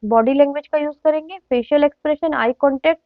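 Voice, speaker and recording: A woman teacher giving a classroom lecture, mixing Hindi with slow, deliberate English phrases and often asking the students whether they follow. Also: high-pitched, no echo. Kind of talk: classroom lecture explaining communication skills. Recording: dull, dry, lo-fi lecture recording.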